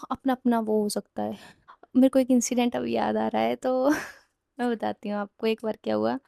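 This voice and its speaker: A woman's voice: medium pitch, gravelly, mellow, dry recording, studio quality. A young woman casually telling a personal story, rambling and often repeating or correcting herself mid-sentence. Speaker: storytime vlogger.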